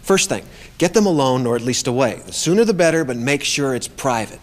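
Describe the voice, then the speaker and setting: Expressive male training narrator. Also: mid-range voice, fairly quick. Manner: conversational, emphatic. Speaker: presenter.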